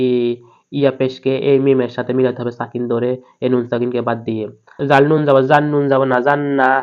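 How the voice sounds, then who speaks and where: A man teaching a Quran reading lesson, spelling each word letter by letter and then chanting it slowly and drawn out, with a Bangladeshi Bengali accent. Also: medium pitch, clean tone. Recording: dull lo-fi recording.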